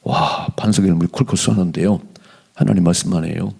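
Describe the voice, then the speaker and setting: A middle-aged male pastor giving an animated dawn prayer sermon in a church, slowing down whenever he reads scripture aloud. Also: deep voice, creaky, slightly rough. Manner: animated preaching, slows to read scripture aloud. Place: church sanctuary.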